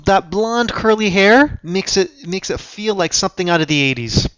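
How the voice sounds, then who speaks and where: A man's voice: sits high, expressive, normal speed, a bit bright, clean tone, no echo, highs cut off. A man co-hosting a casual radio show, talking in an easygoing, joking way. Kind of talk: casual podcast chat.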